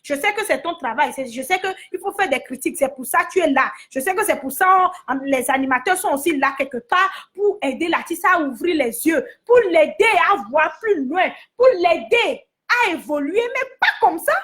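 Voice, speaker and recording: A woman's voice: high voice, lively intonation, normal speed, hardly any pauses, fairly bright tone. A woman from Togo giving her angry opinion straight to her viewers in a heated vlog, repeating herself as she scolds. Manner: indignant, repetitive, addresses viewers directly.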